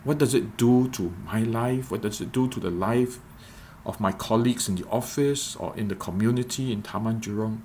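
A man giving a reflective devotional podcast talk as a preacher, measured and repeating phrases for emphasis. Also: lowish voice, darkish tone, a little hiss or hum.

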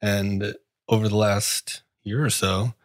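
A man's voice: on the low side, little pitch movement, slow pace, dry recording. A man co-hosting a casual sports podcast, talking in a sarcastic, wry and complaining way. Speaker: podcast co-host.

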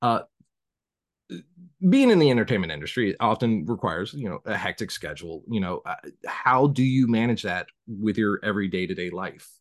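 A man's voice: lowish voice, expressive, moderate pace, no echo, clean studio sound. A man with a Southern US accent hosting a casual podcast interview, rambling and self-conscious with many restarts. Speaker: podcast host.

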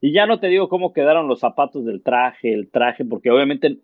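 Animated sportscaster telling anecdotes. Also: male voice, mid-range voice, a little fast, dry recording, phone-quality sound. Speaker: sports commentator guest. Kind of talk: casual interview storytelling.

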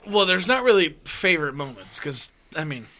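A man in casual, crude group banter as a podcast co-host, excitable and often repeating himself. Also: fairly high pitch, normal speed, slight background noise. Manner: excitable, repeats himself, acts out sound effects.

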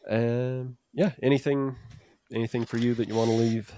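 A man's voice: mid-range voice, little pitch movement, normal speed, dark tone. A man hosting a podcast in casual chat, speaking in a hesitant, rambling, self-deprecating way. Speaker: podcast host.

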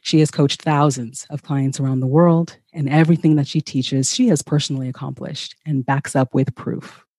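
Brief: woman from Ghana, podcast host, encouraging and upbeat, mellow warm tone, dry close-miked sound. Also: very deep voice, steady tone, normal speed, few pauses, no room sound. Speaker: podcast host and nurse practitioner. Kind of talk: podcast interview intro.

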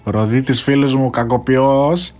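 A man's voice: medium pitch, faint music behind. A young man hosting his own podcast, talking casually and swearing freely, with English phrases mixed in. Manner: slangy and animated, mixing in English phrases and swearing. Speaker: podcast host. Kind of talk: casual solo chat.

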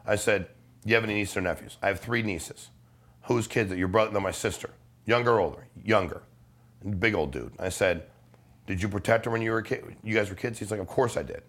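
A middle-aged man with a lowish, slightly bright voice speaks a little fast as a podcast guest who sells life insurance. He talks casually and persuasively, blunt and emphatic, peppering his speech with slang and swearing.

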